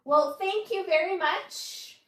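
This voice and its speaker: A woman's voice: very high-pitched, slow, fairly bright tone. A woman hosting a podcast, chatting casually with a guest and giggling often. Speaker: podcast host. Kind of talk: casual interview chat. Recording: roomy echo, distant mic.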